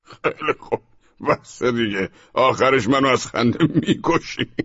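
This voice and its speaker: A man's voice: sits low, long reverb tail, highs cut off. A man voicing a male driver who wheezes with laughter and taunts his passenger in an audiobook. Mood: taunting.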